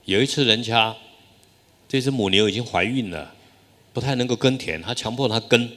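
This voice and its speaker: A man's voice: medium pitch, a bit bright. A man, a Buddhist dharma master, telling a moral story in a sermon, often drawing out his sentence endings. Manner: drawn-out, sighing sentence endings. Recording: long hall reverb.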